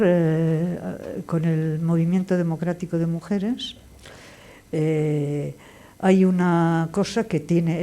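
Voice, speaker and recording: An older woman answering at a panel discussion, measured and explanatory, pausing often to hesitate. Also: fairly low pitch, warm tone. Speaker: guest speaker, activist.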